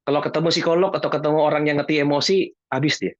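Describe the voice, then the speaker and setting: A man's voice: a little high, fairly even intonation, very fast, no room sound. A man answering audience questions about emotions in a casual, jokey way, acting out little dialogues. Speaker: guest speaker on emotions. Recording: dull lo-fi online talk audio.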